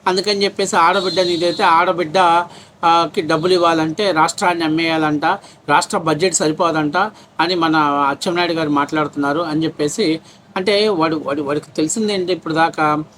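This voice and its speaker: Male commentator, rapid-fire mocking rant. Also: fairly high pitch, fairly bright tone. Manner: scornful, mocking, name-calling. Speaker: political commentator. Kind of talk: ranting political commentary. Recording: faint background noise.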